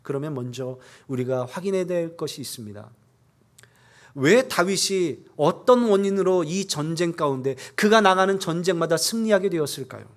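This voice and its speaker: A man preaching a Sunday sermon as a pastor, earnest, building up at key points and reading scripture aloud in a measured cadence. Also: lively intonation. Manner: earnest preaching, rising in force at key points then dropping low.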